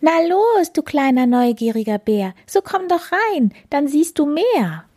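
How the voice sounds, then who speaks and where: A woman voicing a chatty, excited female cat in a children's story, breathy and high. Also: unhurried. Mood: eager.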